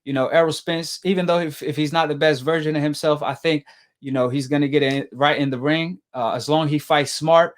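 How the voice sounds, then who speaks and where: A man with a fairly high voice hosts a sports call-in. He talks casually and politely, weighing his points in a measured way. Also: fairly even intonation. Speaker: host of a boxing call-in show.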